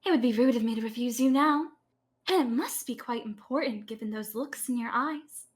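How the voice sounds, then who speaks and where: A woman voicing a gentle, teasing high priestess with a light and airy voice. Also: brisk, natural voice. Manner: calm, playful, gracious.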